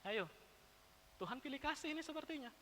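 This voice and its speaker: A woman preacher delivering a sermon with emphatic rhetorical questions and playful asides to the congregation. Her voice is high and bright. It carries the long reverb of a church sanctuary. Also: expressive, a little fast, a little hiss or hum.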